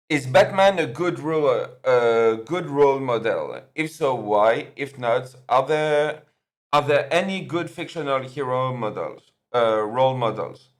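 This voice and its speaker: A man hosting and moderating a live-stream panel, talking in a halting way with many pauses. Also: mid-range voice. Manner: halting, lots of fillers and restarts. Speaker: host and moderator.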